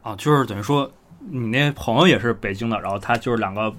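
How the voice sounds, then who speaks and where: A man's voice: medium pitch, quick pace, fairly bright tone. A man hosting a casual conversational podcast, asking rambling questions and paraphrasing what he hears. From China, outside Beijing. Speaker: podcast host.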